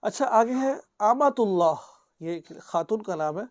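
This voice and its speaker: Cleric guy teaching names, says each one twice slowly, dry close sound, keeps asking okay?. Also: high voice, expressive, dry recording. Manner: repeats each word slowly for pronunciation, often asks "okay?"; gently advising, earnest. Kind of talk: religious teaching video.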